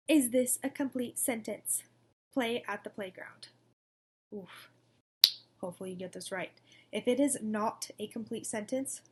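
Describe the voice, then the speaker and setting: A woman's voice: fairly high pitch, a little mellow, husky. A young woman teaching a recorded lesson to second graders, in an upbeat, coaxing manner. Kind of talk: recorded distance-learning lesson.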